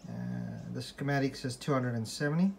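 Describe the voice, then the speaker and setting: A hobbyist restorer presents a repair in an informal, unscripted walkthrough, thinking aloud hesitantly as he explains. His mid-range voice is brisk, creaky and a little mellow, captured indoors at a desk by a handheld phone or camera held behind the lens, with background noise.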